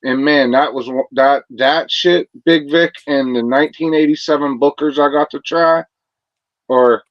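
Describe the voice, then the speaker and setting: A man's voice: mid-range voice, steady tone, measured pace, dry recording. A man chatting casually and enthusiastically about his hobby, swearing freely as he goes. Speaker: whiskey enthusiast. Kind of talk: casual chat. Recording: dull lo-fi sound.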